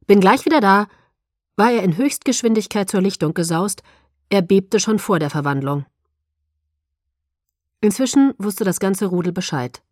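A woman narrating a novel in first person with an even, measured reading. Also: mid-range voice, dry recording, studio quality. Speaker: audiobook narrator.

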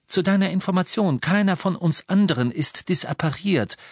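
A man voicing a sharp, clever teenage witch who speaks in a pointed, indignant way. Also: sits high, animated, normal speed, no echo, studio quality, voice pushed up. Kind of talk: audiobook character voice.

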